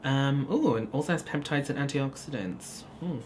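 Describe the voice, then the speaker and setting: A man's voice: medium pitch, animated, normal speed, noisy background. Chatty young man doing makeup talk. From Hong Kong. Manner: chatty, many ums and likes. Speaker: beauty vlogger. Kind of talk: casual get-ready-with-me chat. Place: small indoor studio corner.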